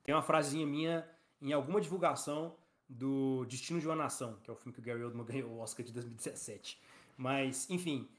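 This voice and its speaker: A man, a company founder as a podcast guest, telling stories in an animated, slangy way. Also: mid-range voice. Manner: fast, animated storytelling with slang. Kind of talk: casual interview chat.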